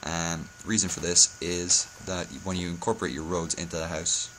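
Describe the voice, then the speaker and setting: Very deep, hungover man, flat delivery. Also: normal speed, slight background noise, low-quality recording. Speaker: video tutorial host. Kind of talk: casual game building tutorial commentary.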